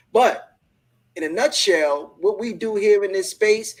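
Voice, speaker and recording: A man's voice: high-pitched, slow pace, low-quality recording. A man hosting a live online business discussion, talking in an enthusiastic, motivational way and often repeating words as he starts a thought. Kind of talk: casual group discussion.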